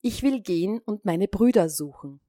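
A woman voicing a gentle, devoted young princess in a fairy tale, speaking softly and earnestly. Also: mid-range voice, lively intonation, normal speed, dry recording, studio quality, lightly acted.

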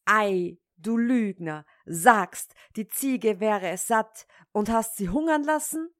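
A hot-tempered old tailor scolds and rages at his lying sons, as a woman reading a storybook puts him on. His words come slowly and weightily. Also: medium pitch, natural voice. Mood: furious. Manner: scolding, shouting in rage. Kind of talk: storybook fairy-tale reading.

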